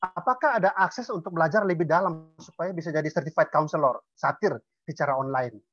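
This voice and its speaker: Male webinar moderator, fast and polite, dull dry call audio. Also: on the high side, fairly bright tone, faint music behind. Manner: polite, quick. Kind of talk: reading out audience questions. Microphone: video call.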